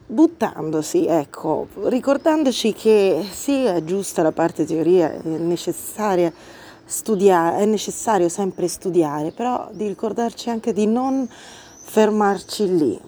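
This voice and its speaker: A woman's voice: medium pitch, animated, slow pace, warm tone, a little hiss or hum. A woman hosting a podcast, explaining a book in an earnest, reflective way and thinking aloud as she talks. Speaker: podcast host. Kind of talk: explanatory monologue about a book.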